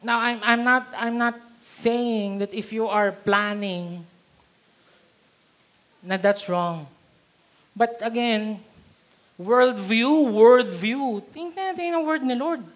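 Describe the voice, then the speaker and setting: A middle-aged man with a Filipino accent, preaching a sermon as pastor with animated storytelling. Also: extremely high pitch, takes it slowly, pauses often. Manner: animated storytelling, switching between Tagalog and English.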